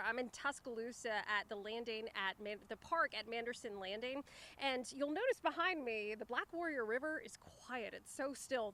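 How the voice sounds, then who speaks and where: A woman's voice: fairly high pitch, a bit bright. A woman meteorologist giving a live outdoor weather report in a chatty, conversational way with informal asides. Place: outdoors, riverside park.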